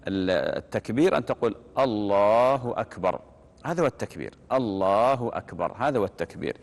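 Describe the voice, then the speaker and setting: A man giving religious instruction on prayer, repeating key phrases and demonstrating them slowly. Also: mid-range voice, gravelly, a little mellow. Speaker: religious teacher. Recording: long reverb.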